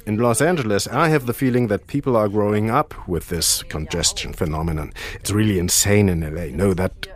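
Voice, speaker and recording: A man's voice: lowish voice, a little fast, hardly any pauses. A man reading a translated interview voice-over in a conversational style.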